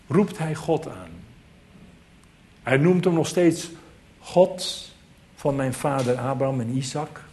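A man preaching a sermon, earnest and emphatic, repeating key phrases for weight. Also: on the high side.

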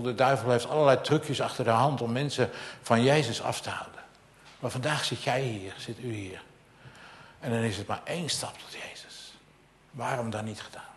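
A man preaching a sermon with direct, personal appeals to the congregation, swinging from ringing proclamations down to near-whispers. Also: lowish voice.

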